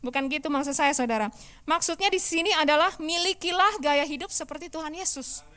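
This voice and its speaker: High-voiced woman pastor preaching. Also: brisk. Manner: lively, emphatic preaching with questions to the congregation. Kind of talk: sermon. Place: church.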